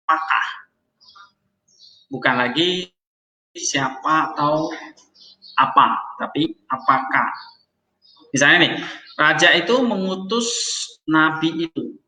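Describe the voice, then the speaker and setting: A man's voice: fairly high pitch, bright, forceful tone, reverberant, lo-fi sound. A man teaching a grammar lesson, explaining step by step and checking in often with his students. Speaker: Hebrew teacher.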